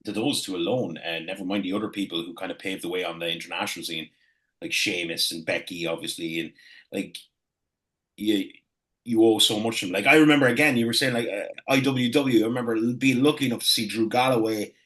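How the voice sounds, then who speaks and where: An Irish man chatting casually as an interview guest, often halting and repeating phrases as he reminisces. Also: on the low side, steady tone, fairly bright tone. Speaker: guest, wrestling ring announcer.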